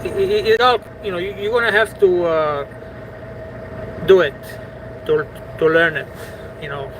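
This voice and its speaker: A man's voice: high voice, steady tone, unhurried, heavy background noise. A man, a truck driver chatting casually with his livestream viewers and circling back over his words with many "you know"s. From Bosnia. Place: parked truck at a truck stop.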